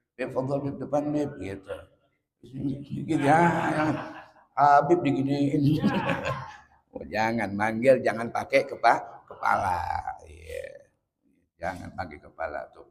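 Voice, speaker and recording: Male religious teacher in a reverberant hall. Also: medium pitch. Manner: reads Arabic lines, then explains with playful examples. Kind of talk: kitab study lesson.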